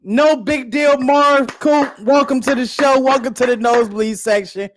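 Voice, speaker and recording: A fan host calling a basketball game live, with profane, exasperated rants that burst into shouting and dry sarcastic asides. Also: high-pitched, moderate pace. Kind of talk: live game reaction and play-by-play commentary. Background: faint background music.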